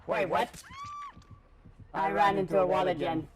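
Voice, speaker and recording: High-voiced excitable male game streamer. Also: measured pace. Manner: excitable, jokey, loud outbursts. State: sleepy. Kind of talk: live gaming commentary.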